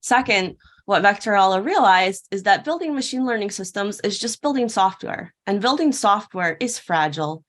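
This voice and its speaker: The woman delivering this tech-conference keynote talks at normal speed with hardly any pauses, her medium-pitched voice lively in intonation. Her prepared talk is a playful fairytale parable built around questions she raises and answers.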